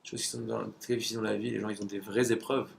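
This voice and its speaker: A man's voice: fairly low pitch, level tone, rapid-fire, creaky, a little hiss or hum. A man giving a conversational religious lesson, asking rhetorical questions and sometimes searching for words.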